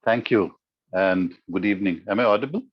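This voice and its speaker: A man's voice: on the low side, fairly quick, dry recording. Man on a choppy, breaking-up call line. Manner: formal, polite greeting. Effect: choppy, breaking-up audio on a bad call connection. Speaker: panel speaker. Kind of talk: formal webinar opening. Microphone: remote video call. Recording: muffled, dry online call audio.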